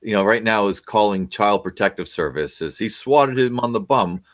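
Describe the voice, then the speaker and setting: Lecturing at a moderate pace in a lowish voice, a middle-aged parenting expert gives advice over a video call. He's a guest calling from a home office, and he asks many questions and leans on fillers frequently.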